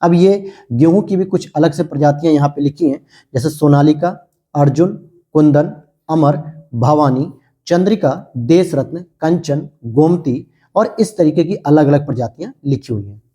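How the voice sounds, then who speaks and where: A man runs through exam questions in a teacherly lecture, asking each one aloud and then answering it himself. His voice sits a little high but sounds dark and mellow, with a husky edge. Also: moderate pace. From India.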